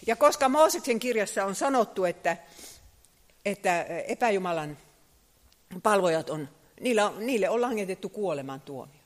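A man preaching a sermon, telling the story in a lively way, his voice swelling loud and then dropping low. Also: in a large hall.

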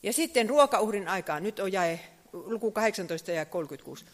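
A man delivers a sermon in a large hall, telling the story with energy as his voice rises loud and then sinks low.

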